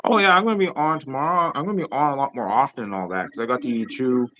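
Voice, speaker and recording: A man's voice: mid-range voice, fast, sharp tone, slight background noise. A man live streaming in casual chat, rambling and swearing freely with lots of filler phrases.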